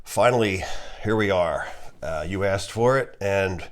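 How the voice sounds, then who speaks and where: A man with a broken nose and slightly off breathing gives unscripted, halting commentary as he presents a collection of magazines. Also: low-pitched.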